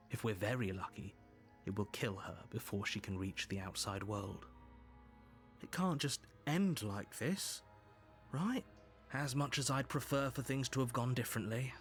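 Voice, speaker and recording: A male actor voices the calm, wry narrator of a dark video game, his delivery measured and faintly sardonic. His voice is lowish and natural.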